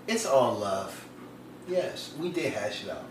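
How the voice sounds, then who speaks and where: A man co-hosting a podcast in casual banter, talking slowly and long-windedly with dramatic emphasis. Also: on the low side, very animated, reverberant, far from the mic, a little hiss or hum, low-quality recording. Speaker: podcast co-host.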